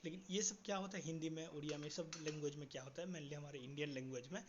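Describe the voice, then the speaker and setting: A man teaches a writing lesson to students, asking quiz questions and slowing down to spell out each letter. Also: fairly high pitch, fairly even intonation. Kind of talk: classroom-style writing lesson. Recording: dull lo-fi audio with faint background hiss.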